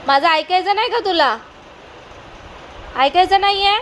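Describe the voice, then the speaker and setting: A woman's voice: very high-pitched, measured pace, a bit bright, slight background noise, poor audio. A young woman scolding her toddler at home, stern and firm, asking the same question over and over. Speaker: mother.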